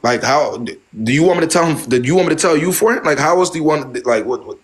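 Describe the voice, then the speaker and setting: A live stream host gives dating advice to his viewers in a fairly high, expressive voice, talking fast. His casual lecture is blunt, repetitive, preachy and full of profanity.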